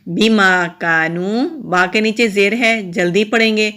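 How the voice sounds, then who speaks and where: A woman teaches recitation rules in a patient, methodical way. She goes through each letter and mark one at a time in an even, mid-pitched voice. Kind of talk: step-by-step tajweed lesson.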